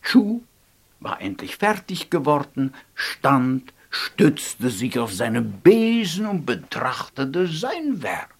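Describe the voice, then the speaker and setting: A storyteller narrating a fairy tale slowly and expressively, with dramatic pauses. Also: medium pitch, sing-song, husky.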